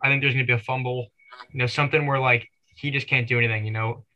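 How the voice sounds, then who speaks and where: A man's voice: medium pitch, steady tone, fast talker, lo-fi sound. A man co-hosting a casual sports podcast who rambles through his takes with lots of fillers. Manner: rambling, full of "you know" fillers. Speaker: podcast co-host.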